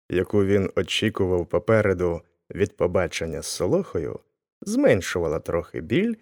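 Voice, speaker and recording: A male audiobook narrator reads a classic tale in a low voice. His delivery is lively and expressive, with pitch rising and falling widely through each phrase. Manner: expressive storytelling.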